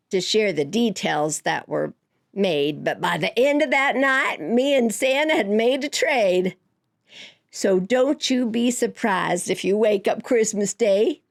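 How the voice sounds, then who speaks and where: A woman reciting folksy cowboy poetry as a storyteller, with a cowboy drawl. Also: mid-range voice. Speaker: cowboy poet.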